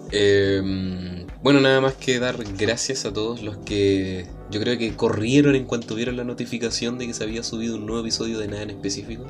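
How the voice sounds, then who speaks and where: A Chilean podcast host with a somewhat low voice, joking in a laid-back way. Music is clearly audible behind him. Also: male voice, steady tone, normal speed. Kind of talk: casual chat, sign-off.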